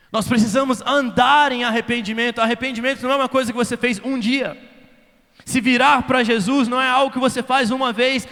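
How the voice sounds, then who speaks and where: A man with a Brazilian Portuguese accent preaching at a youth conference, moving between quiet storytelling and shouted appeals and mixing English phrases into his sermon. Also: sits high. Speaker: youth pastor. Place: large conference hall. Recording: reverberant hall.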